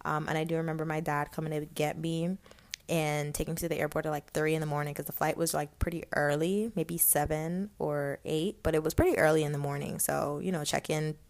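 A woman's voice: low-pitched, flat delivery, brisk, darkish tone. A young woman from Guyana with a light Guyanese accent, hosting a casual podcast and telling her own story in a chatty, candid way with lots of fillers. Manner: chatty, candid, laughs often, many fillers. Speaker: podcast host.

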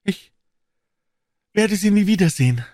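A man's voice: a little high, very animated, normal speed, no echo, studio quality, voice pushed up. A man voicing an anxious, bitter older woman, a former nanny, in a storybook reading. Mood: despairing.

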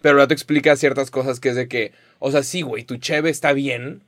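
A man hosting a casual podcast chat, animated and full of slang and swearing. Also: mid-range voice, a little fast, no room sound, studio quality.

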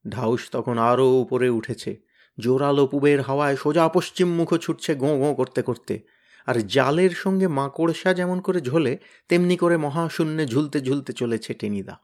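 Lively male storyteller reading a comic tale. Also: mid-range voice, moderate pace. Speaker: story reader.

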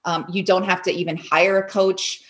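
A woman's voice: on the low side, flat delivery, moderate pace, fairly bright tone. A woman who is a coach and author, a guest on a podcast interview, talking energetically and acting out her own inner voice with emphatic bursts.

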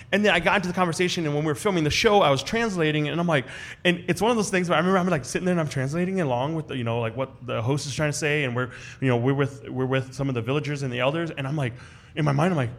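A man from the United States tells stories at a quick clip, his voice sitting a little high. He is excitable and talks in a loose, filler-heavy way, full of "like" and "you know". He is a guest at a live show recorded in a restaurant. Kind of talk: animated storytelling.

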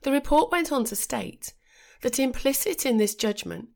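A middle-aged woman with a croaky voice from a cold, hosting a podcast in a measured, reflective monologue. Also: high voice, animated, a little mellow. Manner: measured, reflective delivery with occasional restarts. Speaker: podcast host.

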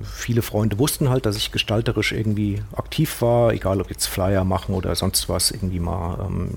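A man's voice: fairly low pitch, vocal fry, darkish tone, slightly rough. A man in his forties in a casual interview, talking at length about his career with many fillers and restarts. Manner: rambling, many fillers and restarts, acts out quotes. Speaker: guest, screen printer and designer.

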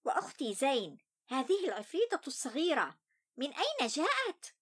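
Woman voicing young boy, storybook character, plaintive, sulky, very animated pitch. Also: brisk, exaggerated voice. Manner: plaintive, complaining. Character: sulky young boy who feels unloved, storybook narrator. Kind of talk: children's story acting.

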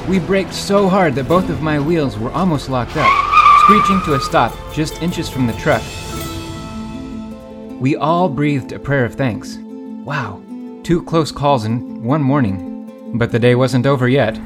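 A man's voice: mid-range voice, expressive, unhurried. A man voicing a little storytelling motorcycle. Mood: earnest. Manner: earnest storytelling. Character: small motorcycle narrating its adventures. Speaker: narrator. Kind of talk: scripted narration. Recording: guitar music underneath.

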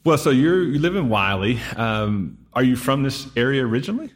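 A man's voice: mid-range voice, very animated, a little fast. A man from Texas interviewing a guest in a chatty, affirming, conversational way. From Texas, United States. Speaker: interviewer and host.

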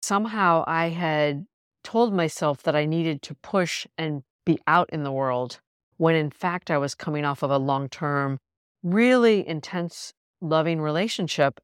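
A woman's voice: deep voice, no echo, studio quality. A woman hosting a podcast, telling a personal story in a candid, reflective, conversational way. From lives in New York City. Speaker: podcast host.

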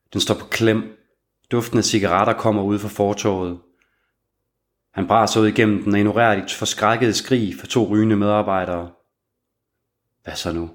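Brief: male audiobook narrator, somewhat low pitch, measured thriller delivery.

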